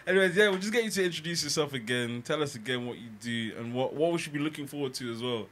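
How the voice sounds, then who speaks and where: Relaxed male podcast host. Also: on the high side, fast, slight background noise. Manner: relaxed, encouraging, says yeah a lot. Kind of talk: casual chat.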